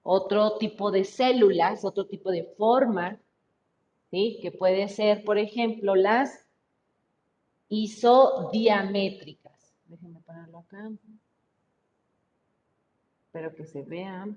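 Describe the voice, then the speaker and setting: A Mexican Spanish woman teaching biology over a video call, talking slowly and patiently at a moderate pitch. She keeps checking whether her students follow. The sound is muffled and low-fi, with a faint rumble underneath. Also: a little mellow. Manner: slow, explaining step by step, frequent checking "¿sí?". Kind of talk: online class lecture.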